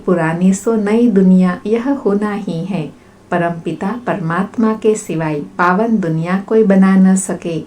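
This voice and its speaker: Woman, religious discourse reading, measured delivery, lowish voice, warm sound. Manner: measured, steady recitation. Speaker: spiritual reader.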